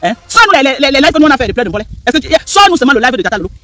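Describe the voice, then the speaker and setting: A man's voice: very high voice, big pitch swings, racing, sharp tone. A man giving heated live-stream commentary, repeating himself and firing rhetorical questions at the audience. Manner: emphatic, repetitive, rhetorical questions to viewers.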